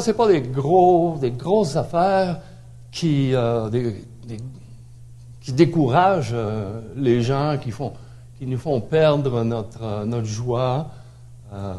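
A man's voice: mid-range voice, dark tone. A middle-aged man with a Québécois accent preaching a sermon in a conversational way, with frequent filler tags and repeated words. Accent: Québécois French. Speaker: pastor.

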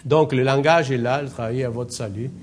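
A man with a foreign accent leading a Bible study, exhorting the group and often pausing, with many fillers and restarts. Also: mid-range voice, background noise. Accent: non-native French accent. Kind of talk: informal Bible study teaching.

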